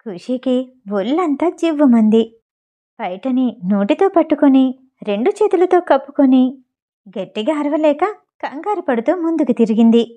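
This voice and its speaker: A woman narrating a romance audio novel in a steady, scripted storytelling manner. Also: high voice, moderate pace.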